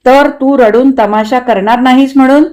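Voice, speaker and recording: A woman's voice: high-pitched, fairly even intonation, moderate pace, a little mellow, voice pushed up, lightly acted. A woman voicing a wary young husband in a read-aloud story, who talks in a firm, slightly stern way. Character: young husband, wary and quick to get irritated.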